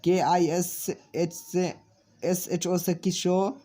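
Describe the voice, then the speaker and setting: Speaking in a high, mellow voice with a level tone, this man runs a spelling lesson. He spells names letter by letter at a slow pace, answers the questions he poses himself, and treats his viewers as friends.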